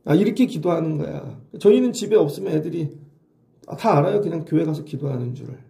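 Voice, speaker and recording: A man's voice: a little high, lively intonation, fast, creaky, dark tone, reverberant. A middle-aged male pastor giving an early-morning sermon in a conversational way, often asking the congregation questions. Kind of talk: dawn sermon.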